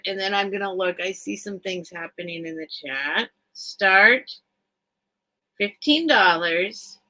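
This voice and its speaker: A woman's voice: mid-range voice, sharp tone, low-quality recording. A woman hosting a casual livestream sale of vintage items, thinking aloud and chatting in a rambling way. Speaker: online seller, host of live sales. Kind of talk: casual livestream sales chat.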